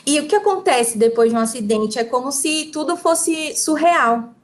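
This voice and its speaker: Quick high-voiced Brazilian woman interpreting. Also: animated. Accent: Brazilian Portuguese. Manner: quick, relaying phrase by phrase. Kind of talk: consecutive interpreting.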